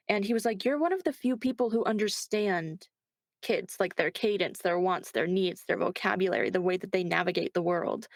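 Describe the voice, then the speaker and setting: In studio-quality audio with no room sound, a medium-pitched woman voice actor answers interview questions. Her talk is conversational and thoughtful, frequently interrupted by her own corrections.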